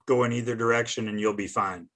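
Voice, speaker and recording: A man's voice: fairly low pitch, steady tone, fast, a bit bright. A man co-hosting a casual music podcast, teasing his friends and giving advice. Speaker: podcast co-host. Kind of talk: casual chat.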